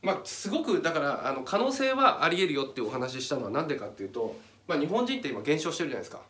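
Man explaining with lively pitch in echoey room. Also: racing. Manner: explains step by step while pointing at a chart. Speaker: channel host. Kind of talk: casual explanatory talk. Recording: echoey room, mic at a distance.

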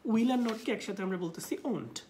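Bangladeshi woman teaching English, slow examples. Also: medium pitch, warm tone, a little hiss or hum. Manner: explains in Bengali, slowly reads out English example sentences, many filler "ah"s. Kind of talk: live online English class.

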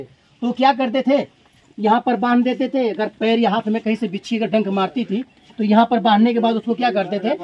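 A man's voice: extremely high pitch, darkish tone, lo-fi sound. A man rescuing snakes outdoors in a village, narrating to camera and repeatedly addressing his viewers as friends. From India. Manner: repeats "friends" constantly, pleading urgently when the crowd threatens the snake. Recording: noisy outdoor crowd recording. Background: crowd of villagers talking.

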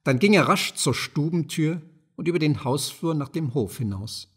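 A man narrating a classic novella as an audiobook reader, in a measured, even storytelling manner. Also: on the high side, slightly rough.

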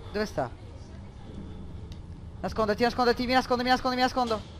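Panicky swearing gamer. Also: male voice, very high voice, fairly even intonation, brisk, slight background noise. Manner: panicky, swearing, bursts into yelling. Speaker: gameplay commentator. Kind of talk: horror game let's play commentary.

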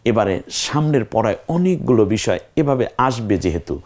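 A man teaching Quran letters on a television lesson, slowly repeating sounds for viewers to say after him. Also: medium pitch, big pitch swings, a little mellow. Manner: slow, patient, repeats letters for viewers to echo.

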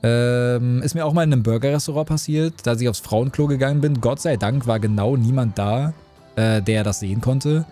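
A man's voice: medium pitch, normal speed, dark tone, soft background music. A young man streaming a tavern game, chatting casually with his chat, joking and reading out messages.

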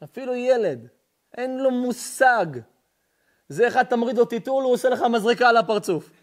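A man, a rabbi, giving an emphatic sermon lesson, asking rhetorical questions and answering them himself, with chuckling asides. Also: very high-pitched.

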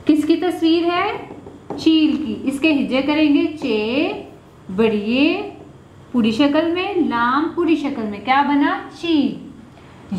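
Female teacher, Pakistani Urdu accent, higher voice, patient drawn-out spelling, echoey lo-fi room. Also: a little hiss or hum. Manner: slow, drawn-out word-by-word spelling. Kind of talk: children's reading lesson. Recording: echoey room, dull lo-fi audio.

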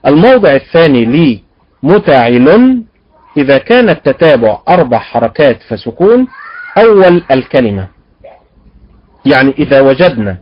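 A male teacher leads a lesson, drawing words out slowly and saying them again and again so his students can hear each sound. He speaks at a middle pitch, and the audio is dull and lo-fi. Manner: repeats words slowly to model pronunciation; quizzes and praises students. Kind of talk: online recitation lesson.

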